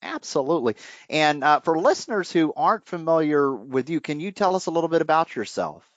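A man hosting a radio money show from his bedroom, relaxed and chatty with many fillers. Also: a little high, fairly quick, no echo. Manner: relaxed, chatty, frequent fillers and small laughs. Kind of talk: casual radio interview. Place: home bedroom. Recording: slightly dull, dry home recording.

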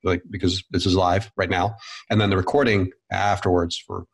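Man, low voice, measured meetup host on a video call. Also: flat delivery, vocal fry, husky. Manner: measured, explaining, checks in with "right?". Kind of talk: casual video-call discussion.

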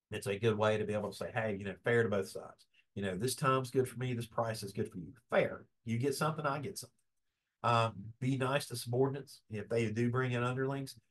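A man leads a business workshop, talking in a folksy, animated way. He is middle-aged and keeps his pitch in a middle register. He slips into quick bits of acted-out dialogue. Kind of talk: lively workshop lecture.

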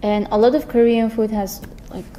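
A woman's voice: moderate pace, slight background noise. Young woman chatting in a lecture hall. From Turkey and the Netherlands. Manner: animated, acts out quotes in a higher voice. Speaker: guest answering questions. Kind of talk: casual chat. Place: large lecture hall, indoors. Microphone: camera in front, seated at a desk.

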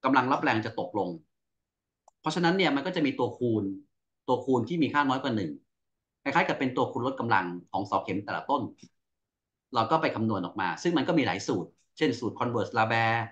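A man's voice: mid-range voice, lively intonation, a little fast, fairly bright tone, muffled recording. A man working as an engineering expert, answering questions in a technical Q&A with lots of fillers and restarts. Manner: explains at length, with many fillers and restarts. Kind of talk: technical Q&A explanation.

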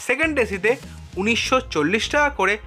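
A man reading scripted voice-over narration in an even, measured way. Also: high voice, soft background music. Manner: even, measured, reads facts and figures.

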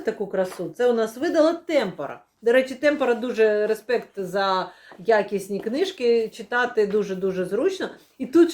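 A young woman talks casually to the camera as she unboxes new books. Her voice sits a little high, and she rambles playfully, fills pauses with hesitations and laughs often. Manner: chatty, many fillers, laughs often, playful. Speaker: book vlogger. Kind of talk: casual book unboxing chat.

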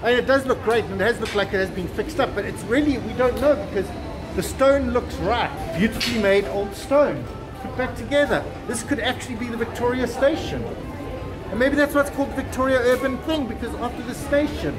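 A travel vlogger in his fifties, with a very high voice and a brisk pace, gives an enthusiastic walking tour of a windy outdoor shopping terminal, exclaiming and chuckling in casual chat. Music plays under him, along with wind, street noise and crowd.

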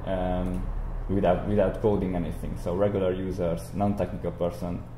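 A low-voiced young man, level and dark in tone and speaking at normal speed, teaches software in an explanatory screencast lecture. He speaks indoors beside a screen recording; the audio has roomy echo and audible background noise.

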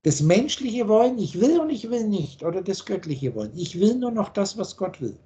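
A man's voice: high-pitched, very animated, moderate pace, warm tone. Blunt preachy man on a video call. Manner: blunt, preachy, full of rhetorical questions. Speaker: spiritual teacher.

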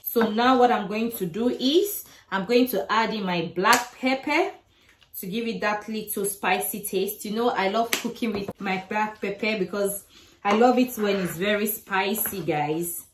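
A woman's voice: medium pitch, unhurried. Brief: middle-aged woman, chatty home-cooking vlog narration, roomy kitchen sound with light background hiss. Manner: chatty step-by-step explaining. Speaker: cooking vlogger. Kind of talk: casual cooking demonstration. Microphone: camera across the kitchen. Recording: echoey kitchen, faint noise.

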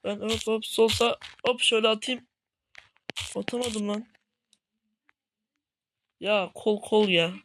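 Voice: medium pitch, steady tone, normal speed, few pauses, a bit bright, slight background noise. Frustrated gaming commentator, grumbling at teammates. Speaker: gaming channel host. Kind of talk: gameplay commentary. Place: at home.

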